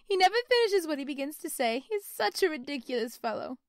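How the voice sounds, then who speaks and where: Woman voicing a lively teasing young wife. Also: high voice, fairly quick, no echo, clean studio sound, pitched above the performer's own voice. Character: lively, pretty young wife, quick to tease.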